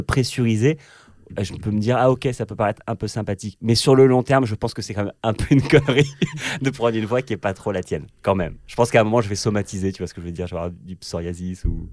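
A man as a podcast guest chatting casually, thoughtful, moving between a relaxed low voice and a higher, perched one. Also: quick pace, no room sound. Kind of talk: casual chat.

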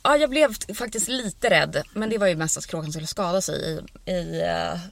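A woman co-hosting a podcast from inside a car, telling candid stories in a lively way. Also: lowish voice, creaky. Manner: candid, animated storyteller who acts out quotes. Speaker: podcast co-host. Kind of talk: casual chat.

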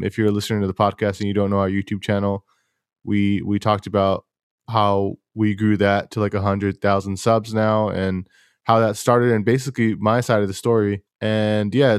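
A young man hosting a casual sneaker podcast, talking in a rambling, laid-back way with a fairly monotone voice. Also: lowish voice, clean tone, no echo, clean studio sound. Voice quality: self-described monotone voice. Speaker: podcast host.

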